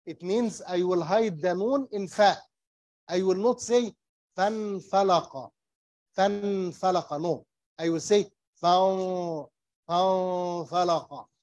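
Very slow, patient male Quran teacher. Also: sits high, a little mellow, dry recording. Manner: slow, patient, repeats terms and demonstrates recitation. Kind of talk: slow tajweed lesson, mixing English and Arabic. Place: small mosque classroom.

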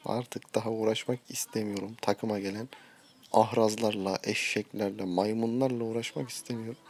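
A man's voice: medium pitch, vocal fry, a little mellow. A short-tempered man streaming a mobile game, giving live commentary and ranting at his teammates.

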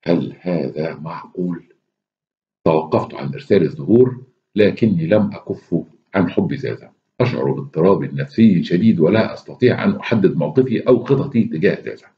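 A man with an Egyptian Arabic accent reading a short story aloud with expressive, wry delivery and casual asides. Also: deep voice, brisk, muffled recording. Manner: expressive, wry, laughs at his own asides.

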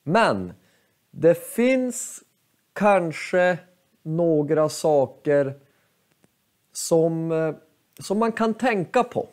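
A male teacher giving a slow, clear lesson in short halting phrases, spelling out letters one by one. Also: a little high, lively intonation, a little mellow. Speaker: Swedish teacher.

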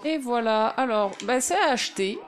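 A woman's voice: fairly high pitch, animated, normal speed. A woman playing along in a let's play, chatty and teasing as she comments. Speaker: co-player. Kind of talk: casual gameplay chat.

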